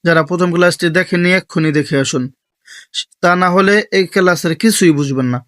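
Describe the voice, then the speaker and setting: A man teaching an online Quran reading lesson, calling out letters and vowel marks one by one in a slow, drilled chant. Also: sits high, a bit bright. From Bangladesh.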